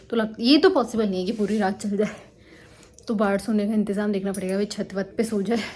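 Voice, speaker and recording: A young woman narrating her day in a casual home vlog, chatty and rambling with quick asides, recorded on a handheld phone in a village house. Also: medium pitch, mellow. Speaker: vlogger.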